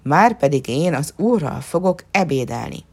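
A woman's voice: deep voice, big pitch swings, creaky, darkish tone, breathy edge, full character voice. A woman voicing a poor, cunning peasant man who talks in a sly, easygoing way. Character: poor cunning male peasant, cheeky and calm.

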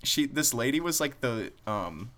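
A man's voice: mid-range voice, expressive, a little slow, fairly bright tone. A young man, a college student, chatting casually and rambling with lots of filler words. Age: young adult. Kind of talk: casual chat.

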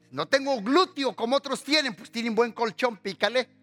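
A man preaching a sermon as pastor, lively and full of humorous personal stories. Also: extremely high pitch, moderate pace.

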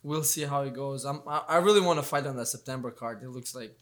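Talking fast in a mid-range voice, the young fighter from Albania stays loose yet unsure in this laid-back interview. He keeps restarting sentences and leaning on fillers.

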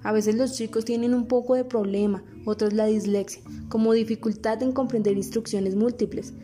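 A woman's voice: on the high side, fairly even intonation, over music, lightly acted. A woman playing an earnest, patient teacher. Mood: explaining. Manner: earnest, explaining slowly and spelling out letters. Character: patient caring female teacher, adult. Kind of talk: dubbed film dialogue.

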